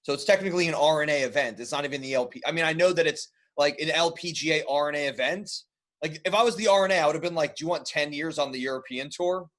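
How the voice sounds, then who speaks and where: A man co-hosting a casual golf podcast, rambling and animated, who reads sponsor ads in a joking infomercial style. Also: a little high, rapid-fire. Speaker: podcast co-host. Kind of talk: casual chat.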